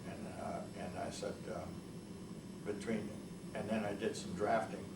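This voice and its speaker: Recorded from a distance in an echoey, noisy room, an elderly veteran whose childhood home language was Italian tells of his past in an oral history interview, hesitant and rambling with frequent restarts. He speaks on the low side at a normal pace, with little pitch movement.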